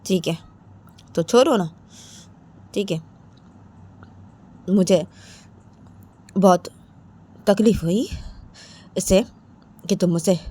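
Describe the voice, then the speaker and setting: Calm young woman, level and reasoning, a touch defensive, read by a woman. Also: medium pitch, natural voice.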